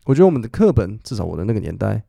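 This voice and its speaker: A man's voice: fairly low pitch, very animated, rapid-fire, vocal fry, mellow, no echo. A man in his twenties, hosting a podcast and explaining English grammar, often repeating phrases as he thinks. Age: 20s. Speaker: English teacher and podcast host.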